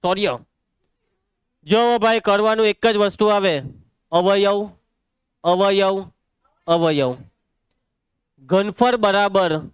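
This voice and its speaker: A young man with a Gujarati accent leads a maths class in a brisk, commanding way, questioning pupils by name and hushing them when they chatter. His voice sits high and stays smooth and clear. The recording is dry and close, with no room echo. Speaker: maths teacher. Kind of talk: live classroom lesson.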